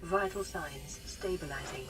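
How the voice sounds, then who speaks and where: A woman voicing a calm female suit computer that monitors health, with a gentle, even, clinical care-robot delivery. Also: sits low, unhurried, music in the background, low-quality recording. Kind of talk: in-game computer announcements.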